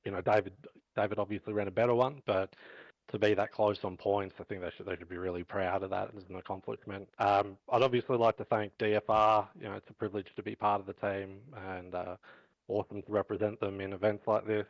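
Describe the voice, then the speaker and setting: A man in his forties giving a measured, thankful post-race interview as a driver. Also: lowish voice, flat delivery, no room sound, muffled recording. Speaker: sim racing driver.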